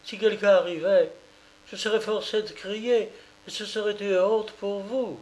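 A man's voice: sits high, steady tone, measured pace, a little mellow, voice pushed up. A man reading aloud as a poor peasant mother, tearful, pleading and indignant. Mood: bitter. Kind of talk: audiobook character reading.

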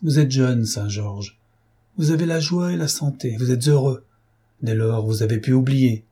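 Brooding old nobleman consumed by decades of hatred, read by a man. Dark, husky timbre, bitter and declamatory, in the measured cadence of an audiobook. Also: mid-range voice, lightly acted. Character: bitter vengeful older Spanish nobleman, brooding. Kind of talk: audiobook reading.

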